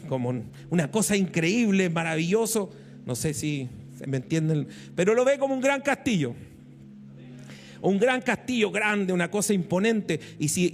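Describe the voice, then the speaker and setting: A man's voice: high-pitched, darkish tone. A man preaching a sermon, telling a story and asking the congregation questions. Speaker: pastor.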